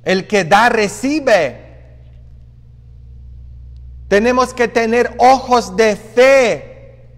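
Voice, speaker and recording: A man, a priest, preaching a sermon in a conversational way, often tossing in quick asides to the congregation. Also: very high-pitched, big-room sound. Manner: conversational preaching with frequent "¿ah?" asides and acted quotes. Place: church.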